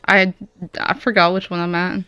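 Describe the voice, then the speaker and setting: Brief: woman, sharp-tongued, teasing friend, dry close mic with faint music. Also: on the low side, little pitch movement, moderate pace, smooth, no room sound, muffled recording. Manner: blunt, swears, teasing. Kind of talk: casual chat over voice call.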